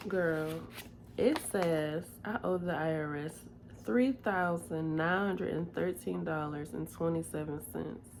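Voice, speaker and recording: A woman talking casually in a personal video diary, soft-spoken and confiding, weary and tearful. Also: deep voice, vocal fry, slight background noise. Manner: slow, soft-spoken and confiding, drifting between calm and weary.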